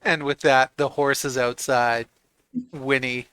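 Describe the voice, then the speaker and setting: A man narrating as game master of a tabletop roleplaying game, piecing scenes together haltingly as he goes. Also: mid-range voice, level tone, sharp tone, clean tone, dry recording, rough recording.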